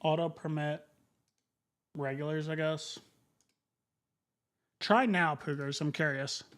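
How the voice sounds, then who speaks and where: Flat-toned man muttering on a livestream. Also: a little high, takes it slowly. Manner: informal, muttering, profane. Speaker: streamer. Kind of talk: casual livestream chat.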